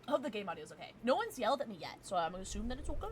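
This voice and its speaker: A woman's voice: medium pitch, very animated, racing, slight background noise. A woman chatting casually on a gaming livestream in a playful, effusive and scatterbrained way. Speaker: livestreamer playing video games.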